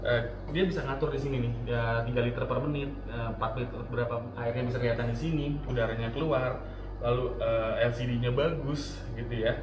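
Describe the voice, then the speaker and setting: Man, casual reviewer, loose and filler-heavy, distant from the mic in an echoey room. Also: medium pitch. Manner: relaxed, many fillers and restarts, mixes in English words. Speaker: product reviewer. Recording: roomy, off-mic, with steady room noise.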